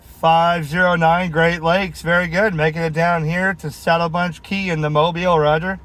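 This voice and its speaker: A man whose voice sits on the high side delivers flat, normal-speed chatter over a mobile CB radio in his vehicle. As a friendly operator and video host, he uses call signs and radio slang, and the clear audio includes vehicle noise, radio static, and clicks.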